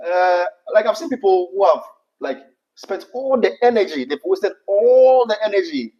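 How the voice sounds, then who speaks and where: Male host, Ghanaian accent, lighter high-set voice, informal advice, halting delivery, somewhat muffled recording. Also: sing-song, dark tone. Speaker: host answering viewer questions. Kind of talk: casual advice chat.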